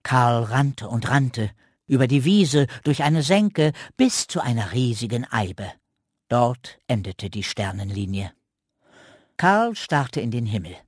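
A man reading a children's radio story aloud with slow, expressive storytelling. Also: medium pitch, slightly rough, no room sound, clean studio sound.

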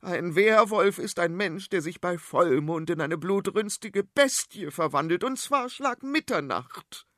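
A man voicing a shrill, bossy, dramatic queen in a storybook. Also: lively intonation, a little slow, hardly any pauses, a bit bright, no echo, studio quality. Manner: shrieking, scolding.

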